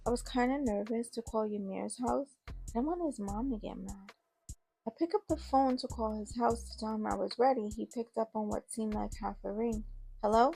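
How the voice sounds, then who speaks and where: A woman's voice: mid-range voice, vocal fry, darkish tone, breathy edge. A woman telling a first-person story in a casual, conversational way. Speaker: narrator.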